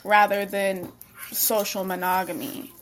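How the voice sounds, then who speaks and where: A woman's voice: mid-range voice, level tone, measured pace, a little hiss or hum. A young woman hosting a casual discussion podcast, asking probing questions and pushing back on her guests. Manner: probing questions, laughs often. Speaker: podcast host.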